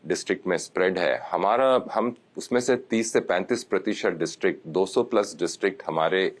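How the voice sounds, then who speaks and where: A man, a company executive, answering interview questions in a measured way, listing points and mixing into his sentences. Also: deep voice. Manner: measured, mixes English and Hindi, lists points methodically.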